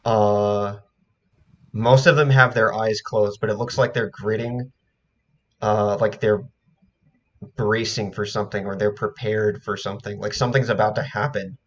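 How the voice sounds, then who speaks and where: A man's voice: fairly low pitch, steady tone, a little slow. A man running a tabletop game as dungeon master, describing scenes hesitantly with many fillers. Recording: dull lo-fi recording.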